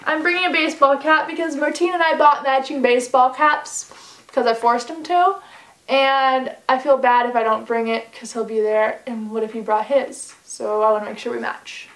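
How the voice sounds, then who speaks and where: Indoors by the fireplace in a carpeted living room, a vlogger in her twenties talks through packing in a casual, upbeat way, with plenty of "like"s and "um"s. Her fairly bright voice sits high, with a steady tone at normal speed. The recording is rough.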